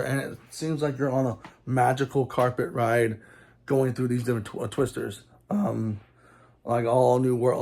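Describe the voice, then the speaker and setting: A man's voice: mid-range voice, a little mellow. A man from Texas giving a casual, rambling movie review for his channel, with lots of ums and restarts. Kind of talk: casual film review vlog.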